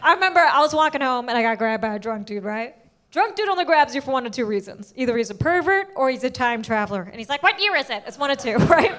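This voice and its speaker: Brash high-voiced woman doing stand-up. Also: expressive, a bit bright. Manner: brash, rapid storytelling with punchy punchlines. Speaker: stand-up comedian. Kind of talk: stand-up comedy set. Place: stage before a live audience.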